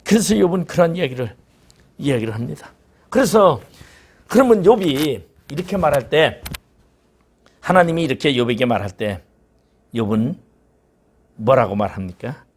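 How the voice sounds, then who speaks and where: A man's voice: medium pitch, big pitch swings, moderate pace, long pauses, husky. A man preaching a sermon as pastor, acting out quoted voices of God and Job. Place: church sanctuary.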